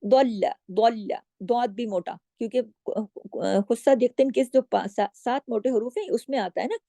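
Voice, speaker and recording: A woman teaching Quran recitation rules to female students, explaining each letter patiently and drawing out the recited words slowly. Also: a little high, animated, gravelly, warm tone, no echo. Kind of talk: tajweed lesson.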